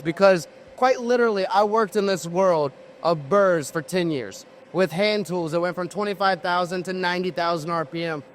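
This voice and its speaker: Man, high-pitched voice, factory tour guide, on-camera host, addressing the audience, interviewing. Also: fairly bright tone, a little hiss or hum.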